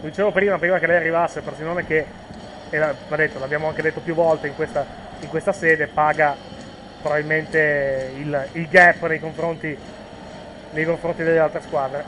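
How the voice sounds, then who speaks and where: A man gives informal live commentary on a football match, hesitating and correcting himself. His fairly high, slightly bright voice keeps a steady tone at a moderate pace, over poor audio with faint urban noise behind him.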